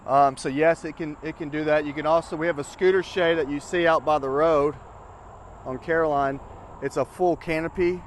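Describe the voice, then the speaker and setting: A man's voice: on the high side, steady tone, moderate pace. A man chatting casually and informally as a scooter dealer, explaining a product to a customer. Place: outdoors. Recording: outdoor ambient noise.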